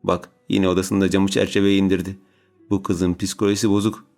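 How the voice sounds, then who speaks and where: A man's voice: low voice, little pitch movement, brisk, darkish tone, faint music behind. A man voicing a spiteful, scornful middle-aged woman who sneers and spits insults in an audiobook. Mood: complaining.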